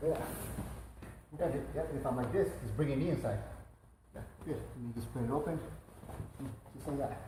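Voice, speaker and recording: A man's voice: medium pitch, moderate pace, long pauses. A man coaching jiu jitsu hands-on, demonstrating moves with short cues and sound words. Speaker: martial arts coach. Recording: distant mic, echoey room, some noise.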